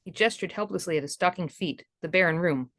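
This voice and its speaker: A woman's voice: fairly low pitch, a little fast, a bit bright, dry recording, studio quality. A woman reading scripted narration of a historical romance novel as an audiobook narrator.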